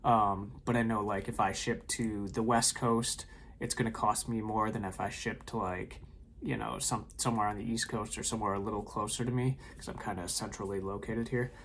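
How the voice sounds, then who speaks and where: In a room at home lined with shelves of tapes, an eBay reseller vlogger casually runs through his weekend sales, rambling loosely with plenty of ums and uhs. His voice sits fairly low, with a fairly bright tone, fairly even intonation and a moderate pace. There's slight background noise.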